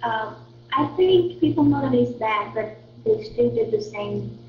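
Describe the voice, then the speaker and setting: A woman's voice: a little high, expressive, unhurried. Hesitant Vietnamese-accented woman student. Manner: hesitant, searches for words. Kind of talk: reading aloud and answering in a lesson. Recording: tinny phone-like line in an echoey room.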